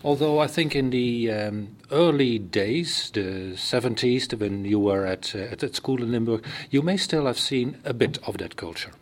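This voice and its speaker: A man with a Dutch accent hosting a podcast and explaining things in an unhurried, halting way. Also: mid-range voice. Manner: explanatory, hesitant with fillers. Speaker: podcast host. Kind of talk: casual podcast chat.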